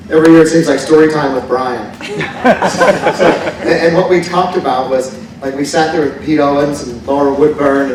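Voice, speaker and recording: A man presenting casually to an audience, self-deprecating and laughing through his story. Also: fairly high pitch. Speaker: amusement park manager. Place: large indoor presentation hall. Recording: echoey hall, from far off. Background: audience in the room.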